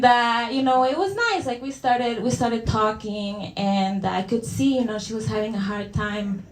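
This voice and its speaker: A young woman from El Salvador with a Salvadoran Spanish accent, performing a stand-up set in a hesitant, self-deprecating way with many fillers and restarts. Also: on the high side. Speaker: stand-up comedian. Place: comedy venue with live audience. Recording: echoey room, audience laughter.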